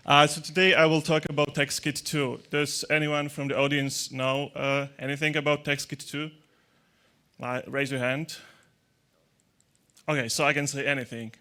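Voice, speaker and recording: A man with a fairly high, bright and forceful voice gives a chatty tech talk into a handheld mic. He's a conference speaker in a large, dark hall with an audience, joking as he goes, with hesitant restarts and non-native grammar.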